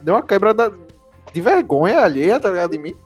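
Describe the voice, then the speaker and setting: A young man, telling self-mocking anecdotes in halting, slangy casual talk. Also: sits high, sing-song, a little mellow, soft background music.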